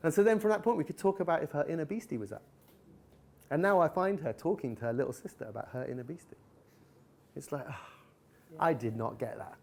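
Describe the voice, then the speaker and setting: During a live talk with audience chat, a guest speaker talks fast in a slightly high voice marked by vocal fry and frequent pauses. He candidly recounts personal stories, acting out the retellings with animation.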